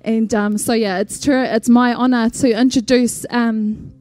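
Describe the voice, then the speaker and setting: A woman with a New Zealand accent giving a heartfelt, informal introduction at church, speaking sincerely and haltingly. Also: a little high, fairly even intonation, darkish tone, dry recording. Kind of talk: heartfelt informal tribute speech.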